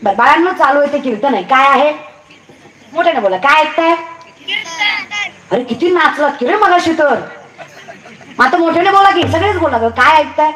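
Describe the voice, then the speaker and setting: A woman's voice: sits high, lively intonation, normal speed, pauses often. A young woman, giving a comic devotional sermon and teasingly quizzing the crowd from a live stage. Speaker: kirtan performer. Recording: echoey live event, clear noise.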